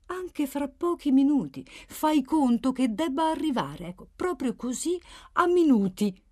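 A woman's voice: high voice, lively intonation, a little slow, voice pushed up. A woman voicing a stern older father who reassures firmly with a touch of impatience.

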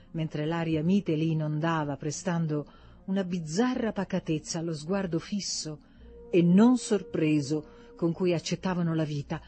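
A woman narrating a literary audiobook in a measured, expressive reading voice, jumping higher when she voices the characters' cries. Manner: expressive reading, lifts pitch sharply for quoted characters.

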